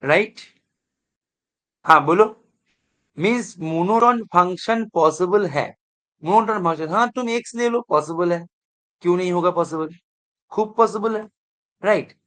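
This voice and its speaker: A man's voice: sits high, unhurried, pauses often, a bit bright. Man teaching math, checking students follow. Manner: mixes English terms into Hindi. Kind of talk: online exam revision lecture.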